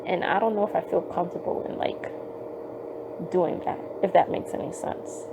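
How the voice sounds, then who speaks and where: A woman's voice: fairly low pitch, moderate pace, creaky, background noise. Rambling woman recording on her phone. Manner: rambling, heavy "like" fillers, frequent swearing. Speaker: podcast host. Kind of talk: casual rambling monologue. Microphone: phone microphone.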